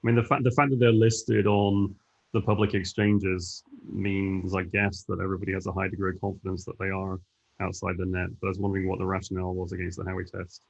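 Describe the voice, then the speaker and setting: A man from the audience asks a question quickly and talks in a slightly mumbling way. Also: low-pitched, flat delivery, gravelly, dull audio. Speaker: audience member asking a question. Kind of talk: conversational Q&A.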